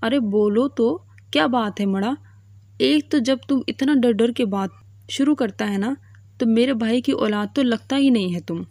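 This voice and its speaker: Woman reading stern old grandma, bossy and blunt, gravelly and dry. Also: on the high side, darkish tone, no echo. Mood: scolding. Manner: scolding, blunt.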